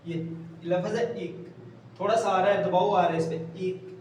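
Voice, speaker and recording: A man teaching a shorthand lesson, patiently explaining step by step and slowly repeating words as he writes them out. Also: high voice, fairly even intonation, a little mellow. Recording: roomy echo, distant mic, faint hiss.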